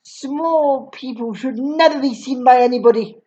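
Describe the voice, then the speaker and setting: A woman's voice: high voice, normal speed, lo-fi sound, natural voice. A woman voicing a huge, bullying female headmistress who barks and snaps at children. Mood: barking. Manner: barking, snapping, loud.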